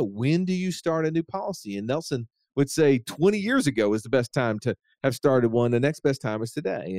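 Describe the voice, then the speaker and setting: Male podcast host, mid pitch, steady and relaxed, dry close sound. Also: dry recording. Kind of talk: casual chat.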